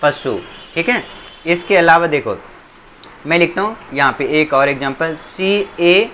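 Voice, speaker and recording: A man's voice: a little high, lively intonation, moderate pace, sharp tone, a little hiss or hum. A man teaching English spelling and pronunciation, asking questions and answering them himself, repeating each word several times. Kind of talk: board lesson explaining English spelling.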